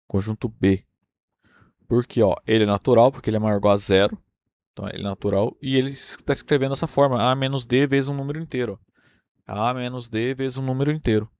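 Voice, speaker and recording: A Brazilian man lectures through a number theory proof at an unhurried pace, pausing often to check that his listeners follow. His voice sits at an ordinary middle pitch, recorded dry and close with little room sound. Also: steady tone, a little mellow, clear, resonant tone, dry recording. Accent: Brazilian Portuguese. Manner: explains step by step, checking in with "tá?" and "né?". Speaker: university math lecturer.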